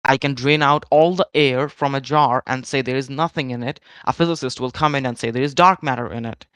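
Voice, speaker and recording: A man debating in a heated voice chat, explaining his points step by step in a measured way. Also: medium pitch, steady tone, fairly bright tone, smooth, no room sound. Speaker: debater arguing against religion.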